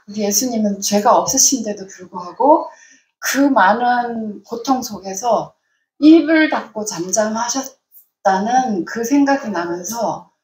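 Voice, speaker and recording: Animated woman giving a faith testimony. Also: a little high. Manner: animated storytelling, laughing often. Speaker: church deaconess. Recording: roomy echo.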